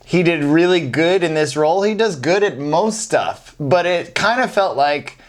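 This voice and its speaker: Casting: male co-host, slightly high voice, informal opinion-sharing, softens his judgments as he goes. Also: animated, measured pace. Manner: conversational, hedging opinions. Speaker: film review show co-host. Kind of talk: casual film review chat.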